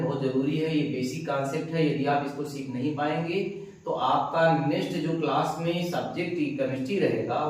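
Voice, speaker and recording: A man lectures a class in a somewhat high voice, repeating key words and answering his own questions. He dictates slowly, phrase by phrase. The recording is very echoey, with the mic well away from him. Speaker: teacher. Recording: very echoey room, voice from far off the mic.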